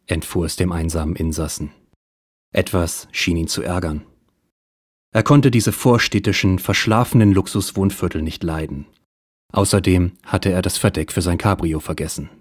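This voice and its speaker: A man narrating a noir parody audio play in a dry, deadpan manner. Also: deep voice, slightly rough, dry recording.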